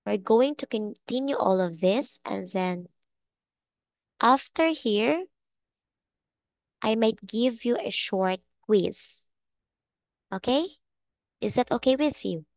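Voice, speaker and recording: A woman's voice: on the high side, animated, takes it slowly, creaky, long pauses, a little mellow, no echo. A woman teaching an online English class, speaking patiently and checking often that her students understand.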